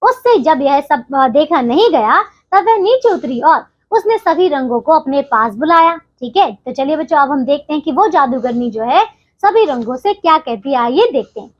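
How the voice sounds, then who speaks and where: A woman's voice: high-pitched, lively intonation, moderate pace, dull audio. A woman teacher explaining a textbook story to children, checking in with them often.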